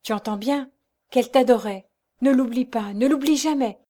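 A woman's voice: on the high side, normal speed, warm tone, pitched above the performer's own voice, natural voice. Desperate young mom begging, all fired up and pleading, woman reading. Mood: despairing. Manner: impassioned, pleading. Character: despairing young mother wrongly arrested.

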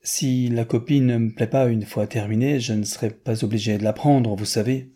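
A man playing a halting American gentleman. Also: medium pitch, fairly even intonation, slightly rough, lightly acted. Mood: earnest. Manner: slow, hesitant, simple words. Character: American gentleman tourist, earnest, halting French.

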